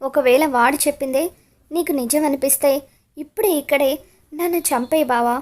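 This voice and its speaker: A woman's voice: sits high, moderate pace, a little mellow, close to an everyday voice. A woman voicing a scheming wife who pleads and pretends to cry. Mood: pleading. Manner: pleading, fake tearful.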